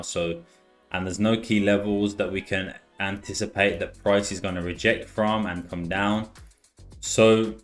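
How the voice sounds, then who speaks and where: Low-voiced Birmingham man chatting on a live stream. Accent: Birmingham English, softened by years in Australia. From Birmingham, England. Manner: relaxed and chatty, repeats words, says "like" and "man" often. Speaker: live-stream trading host. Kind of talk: casual live-stream chat and chart commentary.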